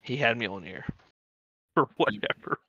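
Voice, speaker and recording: A man's voice: medium pitch, husky, dry recording, lo-fi sound. A man co-hosting a podcast, chatting casually and eagerly about comic book stories. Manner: excitable fan, talks fast with many fillers. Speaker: podcast co-host. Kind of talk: casual chat.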